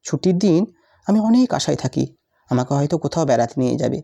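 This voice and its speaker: Brief: recited story; a lonely little girl, read by a woman, plaintive and pleading, low mellow tone. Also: expressive, fast, creaky, full character voice. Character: lonely neglected little schoolgirl, wistful.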